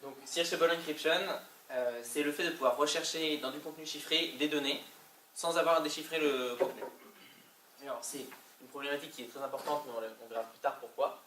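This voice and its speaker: French man presenting, bright voice, echoey room. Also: on the high side, fairly even intonation, fast. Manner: colloquial, hesitant delivery with French-accented English terms. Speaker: conference speaker. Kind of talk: informal technical presentation. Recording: echoey distant mic, faint noise.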